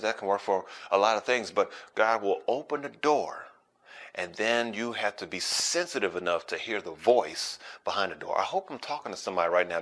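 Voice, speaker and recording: A man preaching a sermon as pastor, emphatic and repeating phrases for stress, sometimes dropping to a hush. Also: on the low side.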